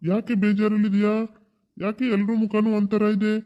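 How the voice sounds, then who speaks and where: A man plays a hard-of-hearing old grandfather in a cartoon, the family elder who scolds and lectures everyone. His voice sits a little high, and the recording sounds slightly muffled. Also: completely flat delivery, normal speed, mellow, lightly acted. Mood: scolding. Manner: scolding, preachy.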